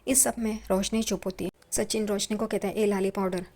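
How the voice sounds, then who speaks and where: Woman, casual TV serial recap, plain storytelling, her own asides, mid-pitched voice. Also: steady tone, a little fast, a little mellow. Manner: plain storytelling, reads out quoted lines with little acting.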